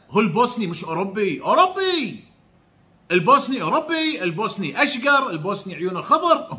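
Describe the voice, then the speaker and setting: A man's voice: sits high, pushed and bright. A man lecturing viewers in a preachy, direct way, firing rhetorical questions and repeating his points. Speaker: online religious commentator. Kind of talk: preachy direct-to-camera talk.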